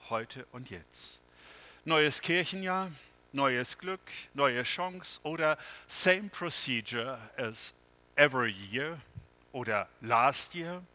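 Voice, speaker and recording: A man preaches a sermon, taking his time over every phrase. His tone is bright and ringing, and his voice rises to loud appeals before falling to hushed, near-whispered lines. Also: medium pitch, rough recording. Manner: slow and dramatic, swings from loud to hushed whispers. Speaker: pastor.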